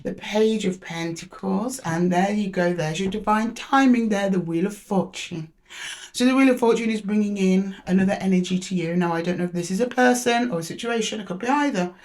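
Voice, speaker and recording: A woman with a croaky voice hosting a casual tarot reading, chatty and speaking familiarly to her listeners. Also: medium pitch, a little fast, a little mellow. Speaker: tarot reader and channel host.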